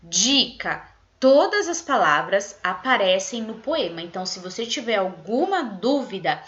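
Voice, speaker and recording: A woman teacher with a Brazilian Portuguese accent speaks slowly to young children, with a lively, sing-song pitch that climbs high. She draws out her syllables. Her bright voice comes through a dull, lo-fi recording. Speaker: primary school teacher. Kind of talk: video lesson for young children.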